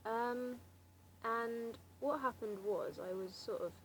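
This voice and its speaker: A woman's voice: fairly high pitch, slow pace, a little hiss or hum. A young woman in her late teens with a southern English accent, chatting casually in a hesitant, self-deprecating, wry way. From Slough, England. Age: late teens, seventeen. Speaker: amateur vlogger answering a challenge. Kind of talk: casual rambling chat to camera.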